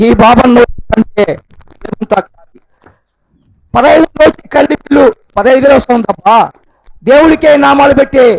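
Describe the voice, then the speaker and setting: Street play: aggrieved trader male actor, loud declaiming performer patter, strained high pitch, creaky gravel. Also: slow, long pauses, dry recording, full character voice, poor audio. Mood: anguished, indignant. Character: aggrieved male shopkeeper ruined by bills.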